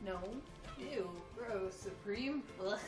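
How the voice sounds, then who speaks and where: A woman's voice: mid-range voice, slow, faint music behind. A woman talking casually and teasingly from across the room, away from the streamer's microphone. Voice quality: teasing, playfully disgusted. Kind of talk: casual off-mic chat.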